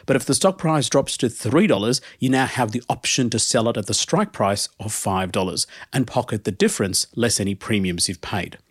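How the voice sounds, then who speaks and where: A man's voice: mid-range voice, expressive, normal speed, hardly any pauses, husky, no echo, clean studio sound. A man hosting a podcast, giving a prepared explainer. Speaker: podcast host.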